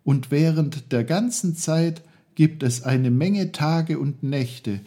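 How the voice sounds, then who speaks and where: A man voicing an eager, curious young boy in a storybook reading, excited and full of questions. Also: a little high, slow, husky, voice pushed up, full character voice.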